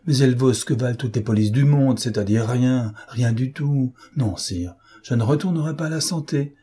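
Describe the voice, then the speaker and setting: A man voicing a proud, defiant gentleman thief in an audiobook, mocking and self-assured. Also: medium pitch, moderate pace, husky, lightly acted. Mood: forceful. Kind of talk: audiobook character reading.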